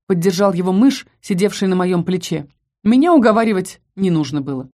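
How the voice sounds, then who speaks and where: A woman reading a first-person fantasy novel aloud in an expressive, dramatic way. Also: lowish voice, brisk. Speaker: audiobook narrator.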